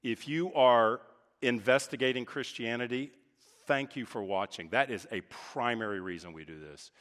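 A man from Texas delivers a sermon in a church sanctuary, his mid-pitched voice rising into emphatic declarations and dropping to quiet, conversational asides. The sound carries a long reverberation from the large hall around him. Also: normal speed. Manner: preaching with emphatic swings in pitch and volume. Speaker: pastor.

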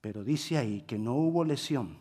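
A male preacher delivering a sermon, swinging between quiet reflection and loud emphasis. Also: medium pitch, expressive, moderate pace, husky.

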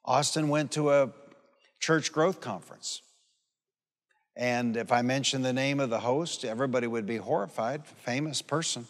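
An older male preacher with a mid-range voice speaks in a reverberant hall or church to his congregation. He's folksy and emphatic, repeating phrases for emphasis while weaving personal anecdotes and calls for amen into his sermon, and the live audio has a long hall reverb.

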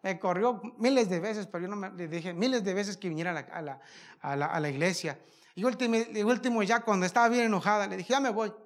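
High-voiced fervent preacher. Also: male voice, fast talker. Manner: fervent, asks the congregation many rhetorical questions. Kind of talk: sermon. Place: church service.

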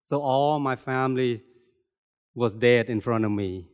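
An older man from Cambodia with a Cambodian accent, giving an earnest, halting testimony sermon as a lay preacher. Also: mid-range voice. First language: Khmer. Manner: earnest, halting, plainspoken with repetitions. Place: church hall. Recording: long hall reverb.

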